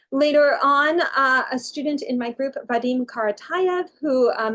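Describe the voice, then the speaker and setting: Woman giving an academic lecture. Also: on the high side. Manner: explanatory, with frequent fillers and self-corrections. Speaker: university researcher giving a lecture. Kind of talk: academic conference talk.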